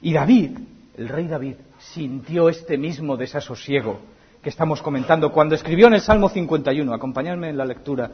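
A high-pitched, husky male preacher with a Spain Spanish accent delivers an impassioned sermon. He swings between ringing emphasis and hushed, intimate near-whispers. The recording sounds dull and lo-fi. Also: a little fast.

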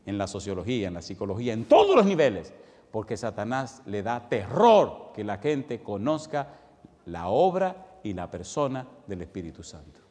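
A man preaching a sermon, firing rhetorical questions at the congregation and telling stories that swing from loud to hushed. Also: on the low side, wildly swooping pitch, moderate pace. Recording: long hall reverb.

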